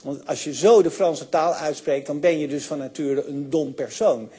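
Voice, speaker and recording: An older man giving a university lecture, enthusiastic, often pausing with fillers and restarting his sentences. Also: a little high, mellow, husky. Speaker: sociology lecturer.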